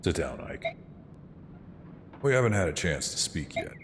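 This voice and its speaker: A man voicing a stern older mercenary commander and father who gives grave, measured orders. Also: low-pitched, big pitch swings, in a large hall, slight background noise, voice pushed down.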